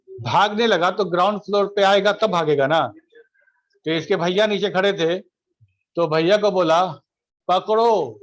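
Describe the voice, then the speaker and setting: A middle-aged man, giving an online college class in a conversational way, repeating phrases and checking that students follow. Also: high-pitched. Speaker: college lecturer.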